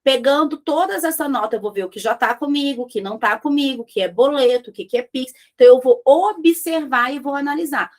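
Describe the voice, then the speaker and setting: A woman's voice: high-pitched, fairly quick, few pauses. A woman, teaching a business lesson as a mentor and speaking straight to her audience. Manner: lively, talks to the audience directly, acts out dialogues.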